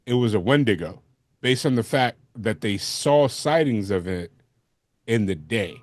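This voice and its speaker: A man's voice: lowish voice, animated, measured pace, no room sound, studio quality. A man co-hosting a movie podcast, talking casually and explaining his points in informal language. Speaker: podcast co-host.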